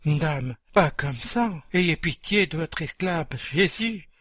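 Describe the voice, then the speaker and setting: A man's voice: on the high side, expressive, takes it slowly, a bit bright, no echo, heavily acted. A man voicing a young enslaved mother in a dramatized story, sobbing and begging for her children. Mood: pleading.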